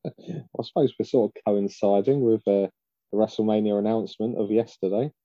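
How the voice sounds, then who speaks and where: A man with a very dark, mellow voice chats casually as a podcast co-host. The sound is dry and rather muffled. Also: lowish voice, steady tone, normal speed, dry recording. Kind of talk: casual chat.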